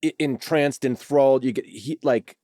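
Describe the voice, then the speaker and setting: A man's voice: mid-range voice, moderate pace, mellow, dry recording, studio quality. A man guest on a podcast, telling a story in casual chat, eagerly acting out dialogue. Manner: enthusiastic, acts out dialogue.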